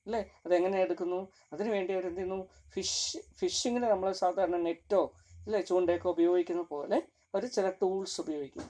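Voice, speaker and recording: A lecturer giving a classroom lecture, mixing English terms in and often stopping to ask "clear?". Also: medium pitch, dark tone. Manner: keeps asking "clear?" between points; mixes English terms into explanation.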